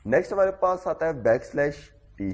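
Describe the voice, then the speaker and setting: A man's voice: fairly high pitch, sing-song. A man teaching a programming class, explaining step by step and saying "okay" after nearly every phrase. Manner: repeats "theek hai" constantly, explains step by step. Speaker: programming instructor. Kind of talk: classroom coding lecture.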